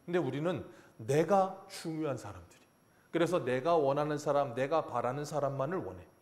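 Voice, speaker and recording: Animated Korean male pastor preaching. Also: fairly high pitch, brisk. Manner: animated preaching, acts out God's and Jonah's lines, chuckles at himself. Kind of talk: sermon.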